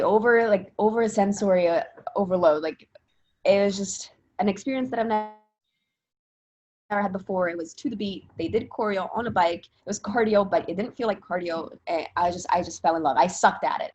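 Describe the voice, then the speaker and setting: A young Italian woman who works as a spin instructor chats casually in an interview, rambling with lots of fillers and restarts. Her voice is mid-range and a little mellow, and she talks at a moderate pace.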